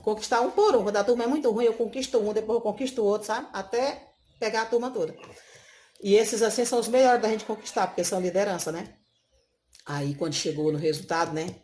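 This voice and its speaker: A woman speaks as a schoolteacher sharing classroom stories in a relaxed interview. Her voice sits in a middle pitch, and she talks expressively, checking in with her listener again and again. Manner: expressive, tags sentences with "sabe?". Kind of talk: casual interview storytelling.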